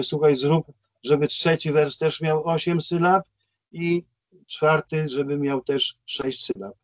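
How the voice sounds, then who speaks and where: A man's voice: mid-range voice, darkish tone, dry recording. A man who is a school principal, telling a long story to teachers in a webinar, hesitant, with many fillers and restarts. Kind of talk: anecdotal webinar talk.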